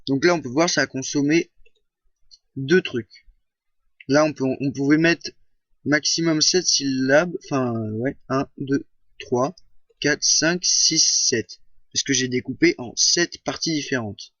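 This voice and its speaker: A man giving a screen-recorded software tutorial, hesitant, with many fillers and self-corrections. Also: medium pitch, measured pace, dry recording, highs cut off.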